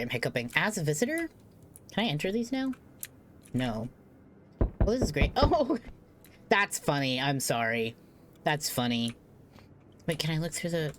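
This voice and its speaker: A young woman streamer at home, giving live game commentary, thinking out loud, animated and swearing freely. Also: low-pitched, slight background noise. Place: home room.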